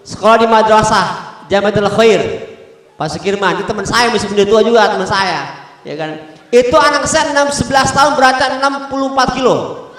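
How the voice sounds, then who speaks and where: High-voiced Betawi preacher in an echoing hall. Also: male voice, pushed and bright. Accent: Betawi Jakarta. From Jakarta, Indonesia. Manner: joking, talks directly to the audience, chants Arabic verses. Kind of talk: humorous sermon to a congregation. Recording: very echoey hall with long reverb.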